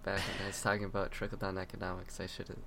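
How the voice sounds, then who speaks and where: Low-voiced young man, dry and joking. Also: monotone, fast talker, pushed and bright, slight background noise. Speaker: podcast co-host. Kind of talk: casual podcast chat.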